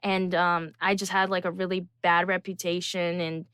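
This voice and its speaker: A woman's voice: fairly low pitch, flat delivery, moderate pace, fairly bright tone, clear, resonant tone, dry recording, studio quality. A young woman from Brazil, a singer chatting as an interview guest in a bubbly, rambling way with many fillers. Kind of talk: casual interview chat.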